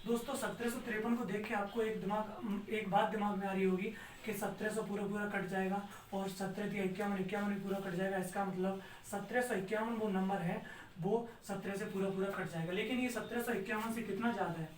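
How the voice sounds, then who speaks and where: A man's voice: high-pitched, brisk. A man teaching an exam-prep math lesson step by step, asking his students questions and answering them himself. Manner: steady, step-by-step explaining. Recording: roomy sound, distant mic, faint noise.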